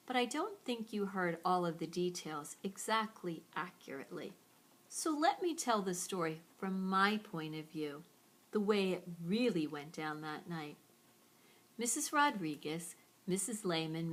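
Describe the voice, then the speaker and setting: A woman's voice: lowish voice, a bit bright. A woman telling a first-person story in a wry, playful, self-mocking way.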